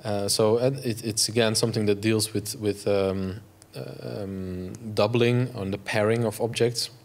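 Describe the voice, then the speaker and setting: Halting Belgian man with a flat voice. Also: lowish voice. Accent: Flemish Belgian. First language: Dutch. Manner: halting, many fillers and restarts. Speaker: artist giving a talk. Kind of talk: public artist talk. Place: gallery lecture room.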